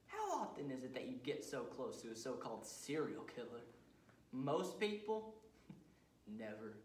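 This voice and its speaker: A young man performing a manic, taunting male serial killer on death row as a dramatic interpretation piece, with shouts and cackles. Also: on the high side, recorded from a distance. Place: competition room. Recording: roomy hall recorded from afar.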